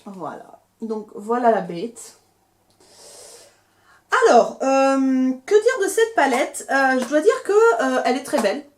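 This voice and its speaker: A woman's voice: sits high, lively intonation, slow. A young woman chatting casually through a beauty haul, talking with lots of fillers and restarts as she shows and reviews products. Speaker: beauty vlogger.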